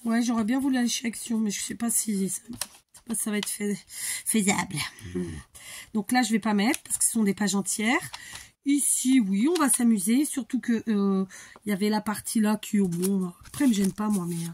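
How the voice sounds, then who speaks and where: A woman's voice: medium pitch, a little fast, darkish tone, slight background noise. A woman hosting a crafting tutorial, chatting casually and thinking aloud, muttering to herself as she works.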